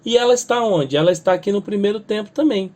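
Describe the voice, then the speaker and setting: A man's voice: sits high, a little mellow. A man with a Brazilian Portuguese accent teaching music theory, explaining step by step and checking in with "tá?" and "né?". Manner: explains step by step, adds "tá?" and "né?" after nearly every phrase; sings or spells out lyrics slowly to show stress. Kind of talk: spoken music lesson.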